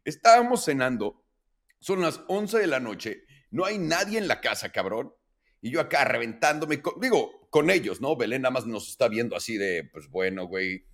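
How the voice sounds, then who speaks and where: Man, late 30s, Mexican accent, podcast co-host, casual chat, animated, slangy. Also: medium pitch, moderate pace. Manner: animated, swearing slangy storyteller.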